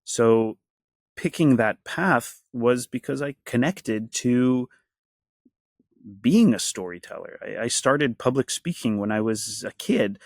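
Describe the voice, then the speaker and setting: A guest from the Washington, D.C. area, an actor and activist, speaks in a conversational interview with an animated, mid-range voice at a slow pace. He talks earnestly and reflectively in long lists, recorded in studio quality with no room sound.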